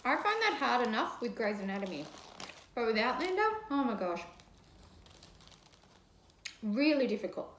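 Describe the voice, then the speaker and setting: High-voiced woman chatting while chewing. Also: big pitch swings, normal speed, pauses often, fairly bright tone, a little hiss or hum. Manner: chatty, gushing. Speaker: mukbang vlogger. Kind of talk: casual chat to camera while eating. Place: living room, indoors. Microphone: camera across a coffee table. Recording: roomy echo.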